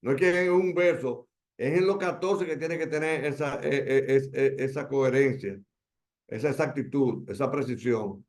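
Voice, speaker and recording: This Dominican-accented man teaches poetry online through a video call, his mid-range voice carrying a darkish tone. He's emphatic, going back over important words and stretching them out for weight.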